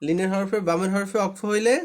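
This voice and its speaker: High-voiced man teaching Quran reading patiently. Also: fairly even intonation, fast talker. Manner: patient, repetitive, often checks understanding. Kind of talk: live online class instruction. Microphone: online live class.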